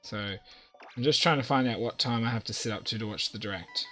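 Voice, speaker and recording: A man's voice: mid-range voice, brisk, pushed and bright, faint music behind. A man chatting casually to his viewers during a live game stream, rambling and talking straight to them. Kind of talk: casual live-stream chat while playing.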